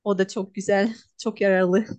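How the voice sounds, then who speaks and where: A woman in her twenties from Russia with a Russian accent, answering interview questions in halting, simple non-native Turkish. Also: medium pitch, little pitch movement, darkish tone, no room sound. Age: 20s. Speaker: interview guest, language learner. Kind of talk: casual interview.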